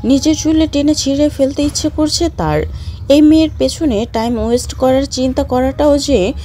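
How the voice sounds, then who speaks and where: A woman narrating an audio story in a steady storytelling manner. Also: sits high, normal speed, a little hiss or hum.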